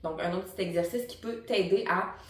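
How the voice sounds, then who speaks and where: Speaking a little fast in a fairly low voice, a Quebec French-accented woman works as a vocal coach and singing teacher, explaining things to camera. Her tone is casual and supportive as she addresses the viewer directly, and the distant mic picks up a lot of room echo.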